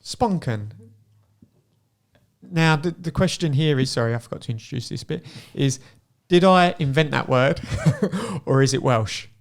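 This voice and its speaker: Quizzing his guests with light trivia, a podcast host laughs frequently in a playful mood. His voice is a little high and gravelly, and he speaks a little slowly.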